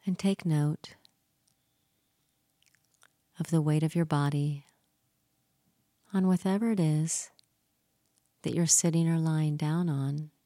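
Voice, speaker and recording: A woman with a low, mellow voice guides a relaxation session at an unhurried pace. She speaks soothingly, repeats herself gently and sometimes drops into a soft whisper. The recording is dry and close. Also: fairly even intonation, dry recording. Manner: slow, soothing, gently repetitive. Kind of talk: guided hypnosis meditation.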